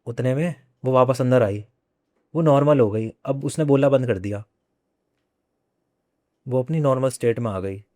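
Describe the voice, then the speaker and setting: Young man with a mellow voice, recounting a story. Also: mid-range voice, no room sound. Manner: repeats phrases, conversational and unhurried. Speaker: podcast guest. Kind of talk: casual storytelling of a personal ghost story.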